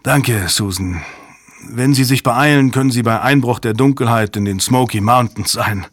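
A man's voice: medium pitch, moderate pace, no echo, studio quality, natural voice. A man reading an audiobook voices a tired, middle-aged intelligence commander who defends himself firmly and with growing impatience. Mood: calm. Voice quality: firm, justifying, slightly impatient. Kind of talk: audiobook character voice.

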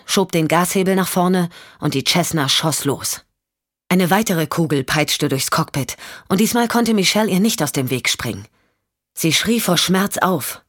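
A woman narrating a thriller audiobook in steady, measured storytelling. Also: fairly low pitch, no room sound, clean studio sound.

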